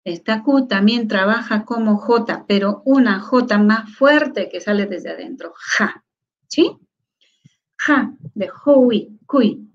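A woman teaching a lecture on Quechua, sounding out syllables slowly and often stopping to ask whether her listeners follow. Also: medium pitch, highs cut off. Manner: asks many rhetorical check questions. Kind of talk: online lecture.

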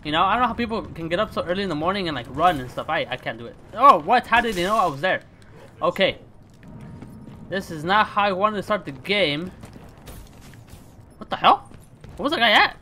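Excitable young man narrating gameplay. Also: high voice, fairly quick, long pauses, slight background noise. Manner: excitable, chatty, swings between hushed focus and loud outbursts. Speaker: gaming channel host. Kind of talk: casual gameplay commentary.

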